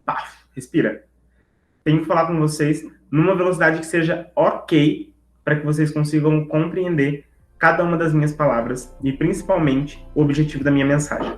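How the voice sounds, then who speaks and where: A man teaching public speaking in an online class, talking fast and lively and checking in with the audience as he goes. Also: a little high, roomy sound, low-quality recording. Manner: lively, talks straight to the audience with tags like "tá?" and "né?"; brisk, speeding up on purpose to fit the content in. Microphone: video call setup.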